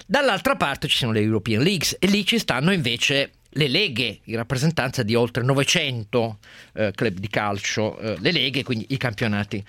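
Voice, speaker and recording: Male radio host. Off-the-cuff news commentary, halting delivery with punched key words, close dry sound. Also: mid-range voice, expressive, pushed and bright, no echo.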